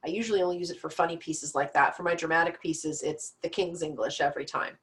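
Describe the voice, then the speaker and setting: Low-voiced woman instructor, casual and practical, jokes at her own expense. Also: fairly even intonation, fast talker, a bit bright. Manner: chatty, practical, self-deprecating asides. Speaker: storytelling teacher. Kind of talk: online class lecture.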